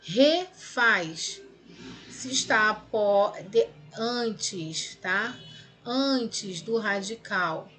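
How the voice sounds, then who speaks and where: A woman's voice: mid-range voice, lively intonation, drawn-out words, a bit bright, soft background music. A woman with a Brazilian Portuguese accent, teaching grammar, explaining step by step, stretching out words syllable by syllable and checking in often with her students. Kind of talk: recorded lesson correcting exercises.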